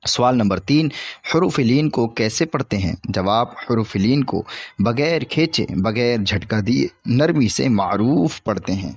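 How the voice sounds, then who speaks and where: Male reader, measured question-and-answer delivery, dead dry sound. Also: mid-range voice, animated, no room sound. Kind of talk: reading questions and answers aloud.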